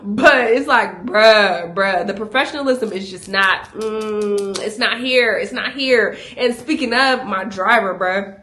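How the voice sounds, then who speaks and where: A young woman vlogging a casual travel storytime, animated and laughing as she acts out what people said to her. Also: mid-range voice, measured pace, slight background noise.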